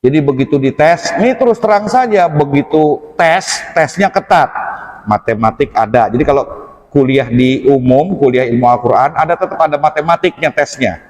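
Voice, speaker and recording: A man's voice: moderate pace, long reverb tail. A man, giving a casual mosque talk full of anecdotes and acted-out dialogue. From Indonesia. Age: 40s. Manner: lively storytelling, acts out quoted dialogue with jumps in pitch. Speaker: preacher. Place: mosque hall.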